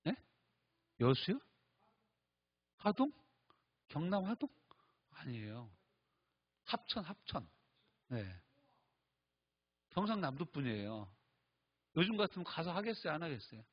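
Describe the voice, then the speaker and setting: Husky-voiced pastor, animated conversational sermon. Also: male voice, fairly high pitch, unhurried, pauses often, dull audio. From Chungcheong, Korea. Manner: conversational, rhetorical questions, emphatic.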